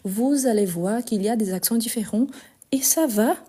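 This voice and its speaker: Slow-speaking Lyon-accented woman teacher. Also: fairly high pitch, mellow, slightly rough. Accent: Lyon French. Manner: slow, deliberate, exasperated asides. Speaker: French teacher. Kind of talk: live-streamed language lesson.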